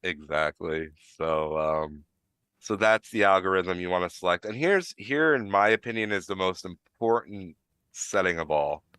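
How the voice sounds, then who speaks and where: A man with a New York accent, slightly tinged with Florida, walks through the details in a loose, rambling way, full of "you know" and restarts. His voice sits very low and sounds smooth and resonant. The sound is dry and close. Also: expressive, normal speed, fairly bright tone, dry recording. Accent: New York, with some Florida. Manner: rambling, lots of fillers and restarts. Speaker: live stream host. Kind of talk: casual explanatory chat.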